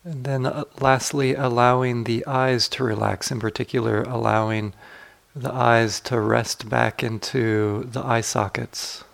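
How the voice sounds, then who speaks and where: A male meditation teacher guides a session, speaking gently and without hurry, leaving long pauses. His mid-range voice is gravelly and keeps a level tone.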